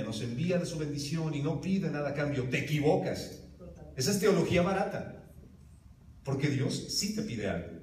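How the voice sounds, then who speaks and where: A man delivers a sermon from some way off the microphone, his voice filling a reverberant church hall. He sits at an average pitch and talks with emphasis, turning to the congregation with direct questions. A faint murmur of the room sits underneath. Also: a little mellow, slight background noise. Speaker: preacher. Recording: roomy hall from a distance.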